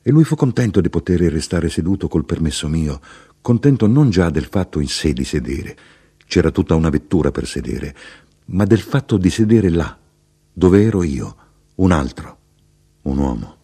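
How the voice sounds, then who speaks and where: A man reading a literary novel aloud in a measured, expressive way. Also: low-pitched, husky. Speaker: audiobook narrator.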